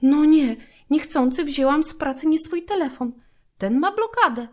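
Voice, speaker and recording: A woman's voice: high voice, animated, moderate pace, darkish tone, voice pushed up. A woman doing a flustered storybook mother. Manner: fretful, exclaiming. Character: flustered mother of two, fussy.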